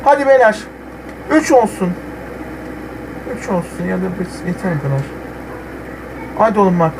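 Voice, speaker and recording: A young man playing a football video game, commenting live and swinging from muttering to yelling at the players. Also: sits high, animated, moderate pace, creaky, background noise. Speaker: gamer.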